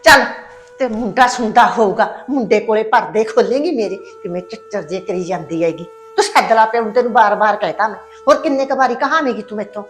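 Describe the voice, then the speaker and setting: An actress playing a bossy, sharp-tongued middle-aged mother-in-law in a short film drama, talking in a scolding, two-faced way. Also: mid-range voice, a little fast, soft background music, lightly acted.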